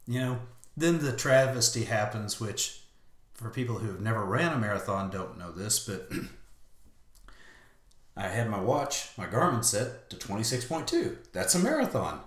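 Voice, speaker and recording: A man hosting a casual chat, telling his own marathon story in a lively way and shouting when he reenacts his self-talk. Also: on the low side, moderate pace. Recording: roomy echo.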